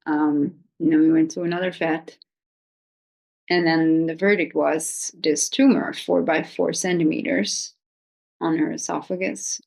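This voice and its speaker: A woman talking informally to viewers as a video host, consoling and reassuring, with a hesitant, halting delivery. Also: sits low, fairly even intonation, creaky, darkish tone. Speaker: video host giving pet-loss advice. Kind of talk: informal, unscripted talk to viewers.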